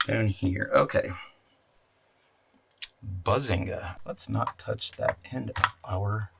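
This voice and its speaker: A man with a lowish, sharp voice hosts an electronics repair video, chatting unscripted as he works with his hands. He mutters and answers his own questions while clicking, clatter and background noise come through clearly.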